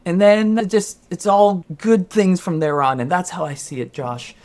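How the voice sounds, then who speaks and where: A man co-hosting a casual podcast chat, telling stories in an animated, jokey way. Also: high voice, moderate pace. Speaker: podcast co-host.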